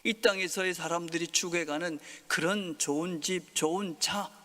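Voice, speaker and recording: A male pastor preaching a Sunday sermon, swinging from loud emphasis to soft whispers. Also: a little high, fairly even intonation, normal speed. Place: church sanctuary. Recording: long hall reverb.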